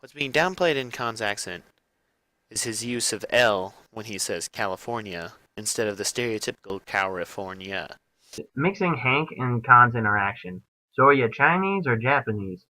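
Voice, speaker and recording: A man's voice: fairly low pitch, lively intonation, normal speed, bright, forceful tone, no room sound, low-quality recording. A young man presenting a class video essay, reading aloud plainly with small slips and fillers. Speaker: student presenter.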